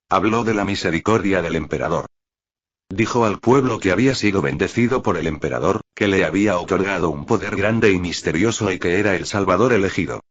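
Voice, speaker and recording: A man narrating a light novel in an even, steady storytelling manner. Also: low voice, breathy edge. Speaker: audiobook narrator. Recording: dull lo-fi recording.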